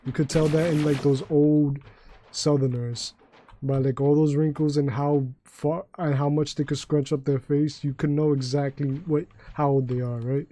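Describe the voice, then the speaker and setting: A young male streamer from New York talks loosely over his game, swearing freely and drifting from one story to the next. His voice sits a little higher than most men's, and his manner is casual and jokey. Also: little pitch movement, normal speed, warm tone. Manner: profane, rambling, jokey storytelling. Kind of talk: casual live-stream chat while gaming.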